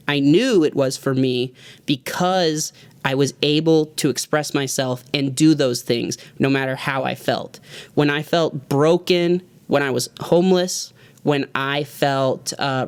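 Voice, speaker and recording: Speaking in a clean, mid-range voice on a dry recording, a music producer in his thirties offers viewers a rambling, heartfelt reflection in his motivational vlog. He comes across as earnest throughout.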